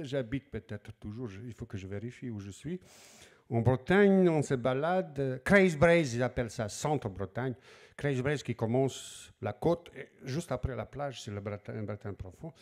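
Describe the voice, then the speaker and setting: A middle-aged man with a Slavic accent and a Slavic mother tongue, an author speaking at a library, shares anecdotes, performing quoted lines and repeating words as he gropes for the right one. He sounds animated and unhurried, with a mid-range, darkish voice.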